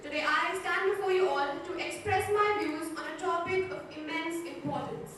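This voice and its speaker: Teenage girl, very high pitch, precise rhetorical speech, deliberate pauses, distant echoey sound. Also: a bit bright. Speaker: school declamation contestant. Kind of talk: rehearsed competitive speech. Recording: very echoey hall, distant mic, faint noise.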